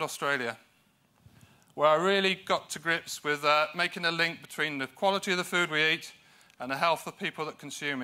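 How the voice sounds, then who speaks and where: Sharp-voiced British conference speaker. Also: male voice, a little high. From United Kingdom. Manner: dry, self-deprecating humour; hesitant fillers between points. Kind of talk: conference presentation.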